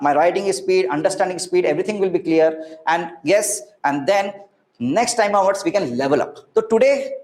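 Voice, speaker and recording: A man with an Indian accent teaching an interactive online physics class, repeating phrases, mixing Hindi words into English and often checking that students follow. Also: high voice. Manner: repeats phrases, asks frequent checking questions. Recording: echoey room sound.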